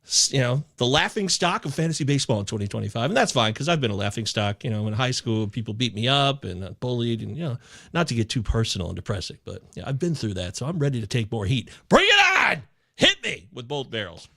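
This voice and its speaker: A man talking fantasy baseball picks on a podcast, theatrical and emotional, swinging from loud outbursts to quiet asides. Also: mid-range voice, lively intonation, fast talker, gravelly. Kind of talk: casual podcast chat.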